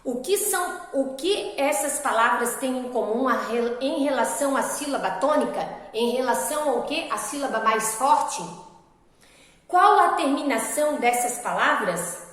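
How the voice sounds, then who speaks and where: A woman's voice: sits high, animated, measured pace, a bit bright. A woman teacher giving a recorded video lesson, explaining step by step and asking her pupils questions. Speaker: primary school teacher. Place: school classroom. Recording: echoey classroom with long reverb.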